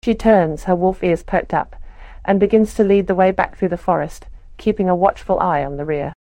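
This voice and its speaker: A woman reading her character's part of a role-play story in a soft, measured way. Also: lowish voice, no room sound. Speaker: player narrating her character.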